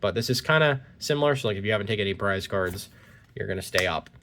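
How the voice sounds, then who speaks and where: Filmed on a phone at a point-of-view angle, a man opens trading cards and casually reads out their text. His voice is on the low side and fairly bright, with lively intonation and fast delivery, and he sounds slightly congested from a cold.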